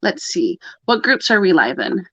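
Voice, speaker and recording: A husky, mid-range voice with a fairly bright tone belongs to a very animated woman speaking at normal speed. She's co-hosting a pagan livestream, chatting casually on a live video call and laughing often as she rambles. The call audio is dull and dry, without echo.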